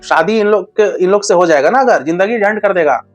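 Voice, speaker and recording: Man, relationship advice vlogger, high voice, blunt, crude jokes, slangy casual talk. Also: fairly quick, soft background music.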